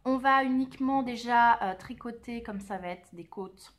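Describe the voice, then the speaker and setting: A woman's voice: fairly high pitch, normal speed. A woman hosting a knitting podcast, explaining her projects in a casual, chatty way, with many fillers and self-corrections, talking to the camera by a sunny window. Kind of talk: casual knitting tutorial and chat.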